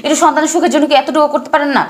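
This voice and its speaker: A woman's voice: sits high, fairly even intonation, very fast, close to an everyday voice. An actress playing a bossy, scornful young wife who demands her father-in-law be thrown out. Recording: echoey room.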